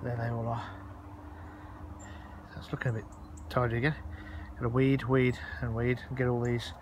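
Here the allotment vlogger strolls outside narrating into a handheld phone, informal and meandering. The mid-range male voice is flat and slightly mellow at an ordinary pace, captured in a noisy outdoor phone recording.

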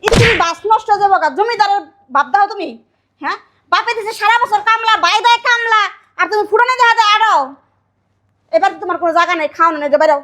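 A woman playing a sharp-tongued scolding mother. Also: very high-pitched, fast talker. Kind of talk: village family drama acting.

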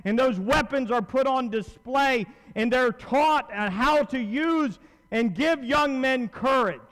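Slow and extremely high-pitched, with a fairly bright tone, a man in his thirties preaches in a large church auditorium from the pulpit on stage. The recording carries a long hall reverb. He speaks conversationally yet emphatically, repeating phrases and asking his listeners questions.

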